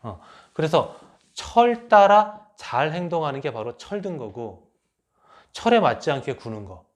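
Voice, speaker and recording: A middle-aged man giving a lecture, talking lively and acting out the remarks he quotes. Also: fairly high pitch, measured pace. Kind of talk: enneagram lecture.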